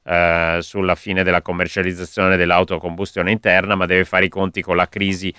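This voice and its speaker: A man giving live economic commentary on a radio show in an explanatory, measured way. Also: sits low, level tone, pushed and bright, smooth, no echo, clean studio sound.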